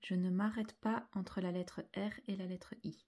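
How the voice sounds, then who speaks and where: With a steady tone and mid-range voice, a woman teaches young children handwriting, talking slowly and carefully. She sounds out each letter and syllable, often sinking to a soft half-whisper.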